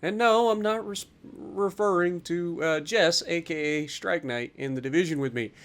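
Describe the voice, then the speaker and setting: A man giving casual after-action commentary on a naval warship game, joking and animated, with many fillers. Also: fairly high pitch, moderate pace. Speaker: gaming YouTuber.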